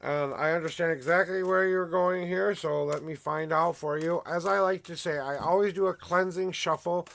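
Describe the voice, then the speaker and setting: A man with a gravelly smoker's rasp, hosting a livestream as a tarot reader in casual, emphatic, effusive patter to viewers. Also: a little high, fairly even intonation, normal speed, few pauses, fairly bright tone, a little hiss or hum. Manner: effusive, emphatic showman, repeating welcomes and promises.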